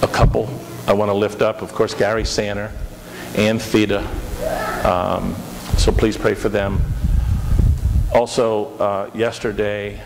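A middle-aged pastor's fairly low, creaky voice is flat and unhurried as he prays and gives announcements earnestly, often repeating words. He is in a large sanctuary, and the recording picks up hall reverberation and hiss.

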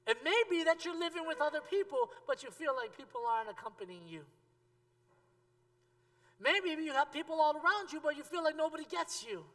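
A man in his thirties preaching a sermon on a church stage, talking straight to the congregation and swinging from emphatic peaks to quiet asides. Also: very high-pitched, lively intonation, a little fast. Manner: conversational, addresses the congregation directly. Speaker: pastor. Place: church stage with a seated audience. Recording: long reverb of a church hall.

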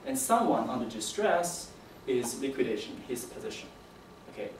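A young man giving an academic presentation as a PhD candidate, with a halting, hesitant delivery and repeated words. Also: mid-range voice, big pitch swings. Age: young adult. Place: indoor seminar room. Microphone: distant camera microphone. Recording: echoey room, distant mic, faint noise.

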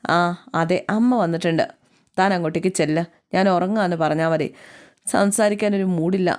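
A woman's voice: lowish voice, fairly even intonation, normal speed, darkish tone, natural voice. A woman voicing a moody young husband who curtly sends his wife away. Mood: withdrawn.

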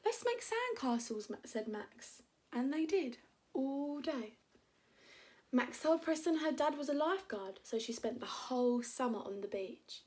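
A young English woman, a primary school teacher, reading a picture book aloud to children with lively voices for the characters. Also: high-pitched, unhurried.

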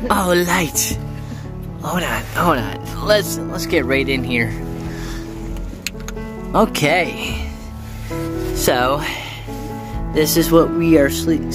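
A man's voice: fairly high pitch, drawn-out words, pauses often, music in the background. A man in his forties chatting casually into a handheld phone camera for his travel vlog, rambling with lots of uhs. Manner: easygoing, rambling with many uhs. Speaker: vlogger. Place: outdoors at rest stop and inside truck camper shell. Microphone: handheld phone camera at arm's length.

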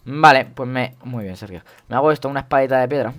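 A young man from Spain with a Spain Spanish accent, jokey and excitable, commentating his gameplay and repeating words in quick bursts. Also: mid-range voice. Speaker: gaming YouTuber.

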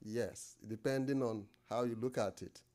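A middle-aged Nigerian man lectures as a guest at a podium microphone in an indoor lecture room. His voice is medium-pitched and mellow. He's hesitant, pausing often and filling gaps with fillers and restarts.

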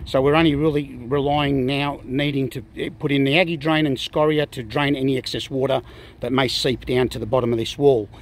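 A middle-aged Australian man giving a casual, halting walkthrough of an outdoor building site, filled with ums and uhs. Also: medium pitch, fairly even intonation. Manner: plain-spoken, many ums and uhs, halting restarts. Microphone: handheld phone camera.

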